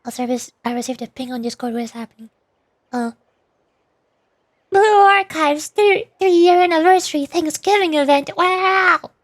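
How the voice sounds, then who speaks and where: A VTuber game streamer talks in a high-pitched voice at normal speed, giving casual, chatty commentary and thinking aloud while she livestreams a video game. The sound is clean and studio-like with no echo, and faint game music plays behind her.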